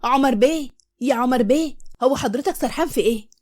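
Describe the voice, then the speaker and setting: A woman's voice: high-pitched, quick pace, a little mellow. A woman doing a gushing devoted young nurse. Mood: eager. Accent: Egyptian Arabic. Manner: eager, gushing. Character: eager young female nurse, devoted and outspoken. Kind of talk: storybook voice acting.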